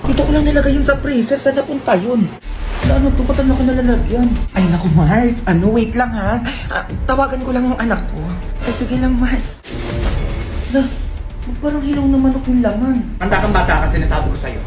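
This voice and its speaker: A woman performing comedy skits, loud and teasing as she scolds. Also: on the high side, lively intonation, a little fast, roomy sound, over music. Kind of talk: comedy skits playing several characters.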